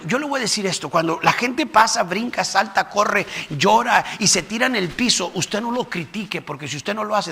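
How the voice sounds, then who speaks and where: A male pastor preaches with fervor and acts out the people in his story. His voice is very high and piercing bright, with a gravelly edge. Long hall reverb from the church sanctuary rings around him. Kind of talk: sermon.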